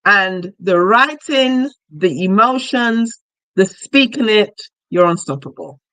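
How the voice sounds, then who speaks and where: A woman coach teaching casually on a live show, chatty and animated, acting out the voices of the people she quotes. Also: medium pitch, slow pace, dry recording, rough recording. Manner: chatty, laughs while talking. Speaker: money mindset coach.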